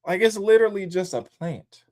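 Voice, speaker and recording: A man hosting a livestream from home, talking loosely and with plenty of swearing. He is animated, and he swings from low, easy asides up to high mocking voices. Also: normal speed. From born in upstate New York, raised in the DC area. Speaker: livestream host. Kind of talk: casual livestream commentary. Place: home in Columbus, Ohio.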